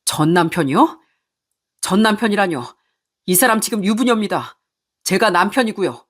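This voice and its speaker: A woman's voice: medium pitch, animated, normal speed, close to an everyday voice. A woman doing a betrayed, angry husband. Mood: angry, accusing. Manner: angry, accusing. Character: betrayed husband confronting cheating wife.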